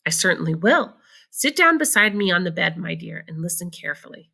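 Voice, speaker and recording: A woman voicing an excitable, boastful old grandfather who booms and stretches out his words in exclamations. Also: brisk, creaky, slightly rough, heavily acted. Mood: exclaiming. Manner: booming, exclaiming, stretched emphasis.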